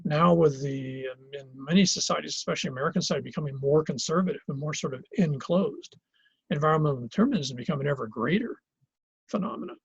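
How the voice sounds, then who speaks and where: A man's voice: fairly high pitch, fast, vocal fry, husky, no echo, lo-fi sound. A man teaching a college geography class in Hawaii, lecturing conversationally with lots of fillers and restarts. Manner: conversational, thinks aloud with many fillers and restarts.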